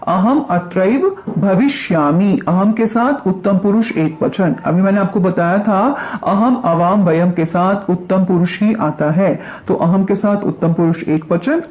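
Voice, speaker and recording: A woman teaching a grammar lesson. She recites verb forms slowly, then asks questions and answers them herself. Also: mid-range voice, warm tone, highs cut off. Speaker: Sanskrit teacher.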